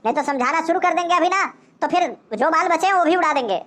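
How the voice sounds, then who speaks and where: A woman's voice: very high-pitched, expressive, fast talker, a bit bright. A woman voicing a boastful, short-tempered cartoon man who blusters threats. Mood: blustering. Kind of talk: cartoon voice acting.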